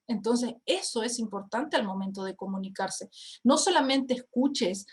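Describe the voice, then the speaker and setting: Give me a middle-aged woman giving a lesson on family talk, her voice a bit high. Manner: acts out family dialogues in lively quoted voices. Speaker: speaker on family communication. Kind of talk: talk to parents.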